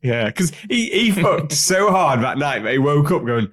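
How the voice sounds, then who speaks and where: A man's voice: a little high, very animated, moderate pace, a bit bright. A man co-hosting a podcast, teasing his friends with crude, amused jokes about a film. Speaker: podcast co-host. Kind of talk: casual film chat.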